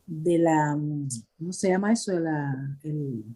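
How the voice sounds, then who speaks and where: A woman from Venezuela giving personal testimony in an interview, hesitant and pausing often to search for words. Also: deep voice, mellow, breathy edge.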